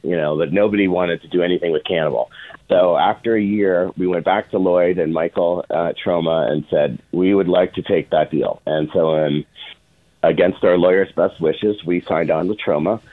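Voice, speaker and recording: Interview guest: middle-aged man, low register, informal storyteller, narrow phone-line audio. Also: moderate pace. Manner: informal, quotes past dialogue in anecdotes. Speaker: interview guest, film producer. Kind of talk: casual anecdotal storytelling. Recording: phone-like, band-limited radio sound.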